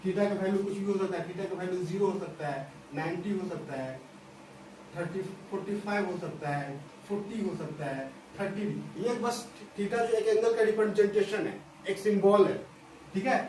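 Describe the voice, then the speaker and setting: A man with a high voice and darkish tone speaks at normal speed while teaching a school maths lesson at a board. He works through it step by step, repeats phrases, and keeps checking that students follow. The recording is distant and echoey, with faint hiss.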